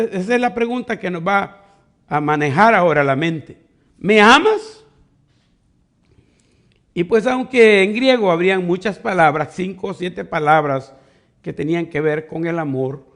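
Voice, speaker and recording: Slow, gravelly-voiced pastor teaching. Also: male voice, sits high, fairly bright tone. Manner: teaching Bible study, explains words step by step. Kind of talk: sermon.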